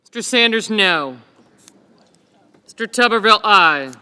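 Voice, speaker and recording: Bright, high-voiced man calling roll. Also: animated, measured pace, clear, resonant tone. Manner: short, formal name announcements. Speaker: clerk calling a roll-call vote. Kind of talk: formal roll call.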